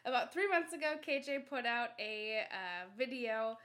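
A woman's voice: a little high, animated, normal speed, a bit bright. A woman co-hosting a podcast in casual, giggly chat, with lots of fillers. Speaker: podcast co-host.

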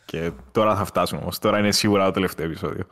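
A man's voice: sits low, steady tone, a bit bright. A man co-hosting a podcast in casual chat, slipping English phrases into his talk. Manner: mixes English phrases into Greek. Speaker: podcast co-host.

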